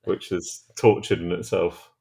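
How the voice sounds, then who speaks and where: A man's voice: sits low, steady tone, a little slow, vocal fry, heavy background noise. A man chatting casually as a music show co-host, in a hesitant, wry way. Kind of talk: casual chat.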